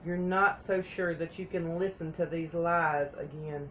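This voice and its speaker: A woman's voice: on the low side, fairly even intonation, unhurried, a bit bright, a little hiss or hum. A woman giving a casual tarot reading, chatty and repeating phrases for emphasis. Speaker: tarot reader.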